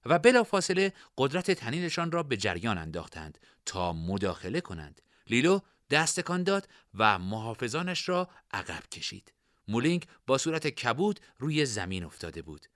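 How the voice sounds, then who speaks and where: Expressive male audiobook narrator. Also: mid-range voice, no echo, clean studio sound. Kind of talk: audiobook narration of a fantasy story.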